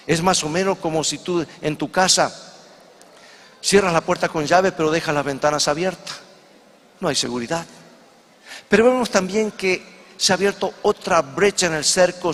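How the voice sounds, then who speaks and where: Higher-voiced male preacher in echoing hall. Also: fairly bright tone. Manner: addresses the congregation directly, asks rhetorical questions. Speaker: pastor. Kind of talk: sermon with storytelling.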